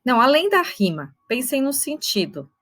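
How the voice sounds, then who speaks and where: A woman teaches a literature class online, her voice sitting a little high. She explains step by step, checks in with her students, and slowly spells out syllables. The sound is dry and close, with no room around it. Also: sing-song, a bit bright, no echo, rough recording. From Brazil.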